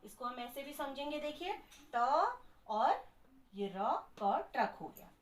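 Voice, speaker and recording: A woman teaching children Hindi spelling in a classroom lesson, slowly sounding out each letter step by step. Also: high-pitched, very animated, distant mic. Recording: echoey room, voice from off mic.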